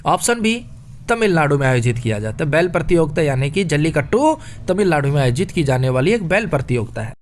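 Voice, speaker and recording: Man, high voice, playful quiz teacher, jokey memory tricks. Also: very animated, quick pace, slight background noise. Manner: playful, jokey mnemonics, addresses listeners as brother. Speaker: exam coaching teacher. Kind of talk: current affairs quiz lesson with memory tricks.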